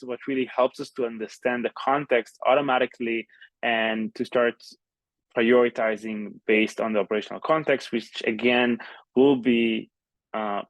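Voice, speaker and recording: A man delivers a software sales pitch in a product demo style. His voice sits at a middle pitch in a dry, close sound. He explains step by step, pausing often as he goes. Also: no echo, low-quality recording.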